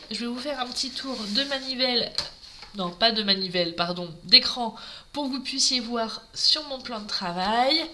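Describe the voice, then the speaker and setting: A craft demonstrator from Normandy, France, leads a live papercraft tutorial at her craft table, chatting and greeting viewers by name. Her voice is high, bright, and forceful, with slight background noise.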